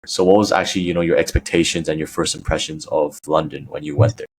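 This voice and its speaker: A man hosts a casual podcast interview and asks his questions in a chatty, loose way, with plenty of "you know" fillers. His voice sits very low. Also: fairly even intonation, fast, a little hiss or hum, low-quality recording. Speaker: podcast host.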